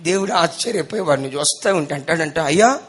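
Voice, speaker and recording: A man's voice: very high voice, expressive, normal speed. A male pastor preaching a sermon with a Telugu accent, telling dramatic stories and acting out the voices. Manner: dramatic storytelling, acting out voices, rising to shouts.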